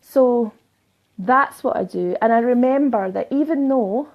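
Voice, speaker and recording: A woman's voice: fairly high pitch, unhurried, a little mellow. A woman life coach giving a live motivational talk to viewers, emphatic and fond of repeating phrases for effect.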